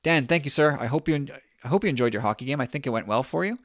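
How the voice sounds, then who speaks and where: A man's voice: medium pitch, rapid-fire, fairly bright tone, no echo, clean studio sound. A man chatting casually as a podcast host. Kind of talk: casual chat.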